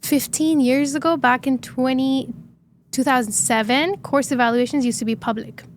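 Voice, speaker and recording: A woman in her twenties from Dubai, a startup founder telling her story in an interview, earnest and animated with frequent fillers. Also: high-pitched, moderate pace, slight background noise. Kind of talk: interview conversation.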